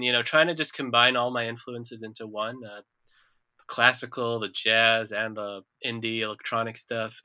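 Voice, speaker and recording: A man, chatting casually as a musician guest in an interview, relaxed and self-deprecating. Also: mid-range voice, no room sound. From Israel.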